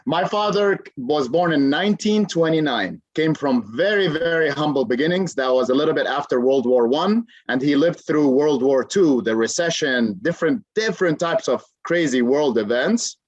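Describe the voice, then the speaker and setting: A man's voice: on the high side, expressive, normal speed, few pauses, no room sound, lo-fi sound. A man in his thirties, originally from Jordan, a career coach telling his story as an interview guest, earnest and full of fillers. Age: 30s. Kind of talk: interview conversation.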